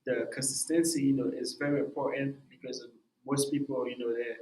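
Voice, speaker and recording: A man's voice: mid-range voice, little pitch movement, brisk, darkish tone, a little hiss or hum. A young man in a casual podcast interview tells his story with animation, dropping "bro" and "man" into almost every sentence. His voice sits in a middle register. It rings in a roomy, echoey space. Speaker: music artist guest. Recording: roomy echo.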